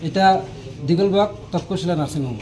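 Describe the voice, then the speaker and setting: Distressed high-voiced man in dialect. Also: a little fast. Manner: distressed, recounting in regional dialect. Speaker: relative of the patient. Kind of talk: interview on the spot. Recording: faint background noise.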